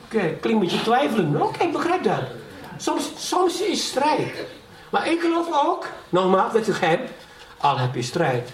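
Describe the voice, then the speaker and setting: High-voiced man preaching in an echoey hall. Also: wildly swooping pitch, measured pace. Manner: keeps asking the congregation "ja?"; emotional testimony, voice rising in fervour. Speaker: pastor. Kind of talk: sermon. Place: church hall. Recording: echoey hall, from far off, faint background noise.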